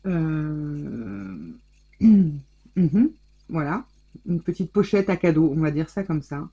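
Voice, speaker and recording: A woman's voice: sits low, lively intonation, takes it slowly, mellow, husky, dull audio. A woman scrapbooking vlogger chatting casually as she unboxes crafts, gushing and exclaiming over each item. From France.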